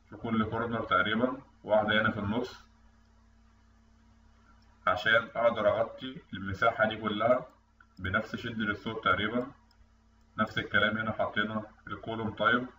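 Pushed and bright, a lowish male voice with an Egyptian accent narrates a step-by-step technical tutorial over a screen recording as an online instructor. The distant mic yields a roomy, dull recording with faint noise.

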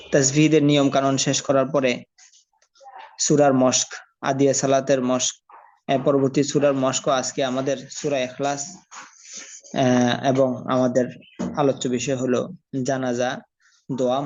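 A woman teaching a religious recitation lesson, drawing the recited verses out slowly between quicker explanations. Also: rumbling low, darkish tone. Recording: dry, dull lo-fi audio.

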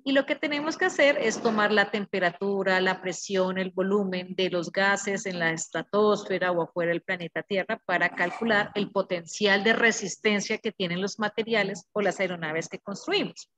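A woman's voice: medium pitch, moderate pace, few pauses. A woman teacher, giving a class lecture. She explains patiently, repeats the key words and checks in with her students.

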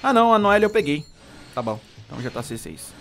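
Excitable Brazilian streamer, lively pitch. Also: male voice, fast talker, creaky, slight background noise. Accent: Brazilian Portuguese. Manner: excitable, pleading and groaning at results. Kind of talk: live gacha-pull commentary.

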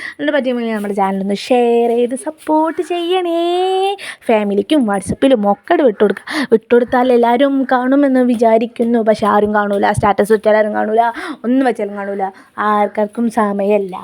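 A woman's voice: a little high, darkish tone. A young woman, chatting homely voice-over narration for her family vlog and addressing viewers directly. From Kerala, India. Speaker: family vlogger.

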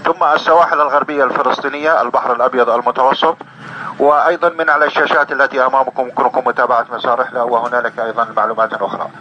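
Man, airline pilot, in-flight announcement, quick formal delivery, muffled cabin PA, engine noise behind. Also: medium pitch, fairly even intonation, bright, forceful tone. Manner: formal, routine public-address delivery. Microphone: cabin public-address system. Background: aircraft engine hum.

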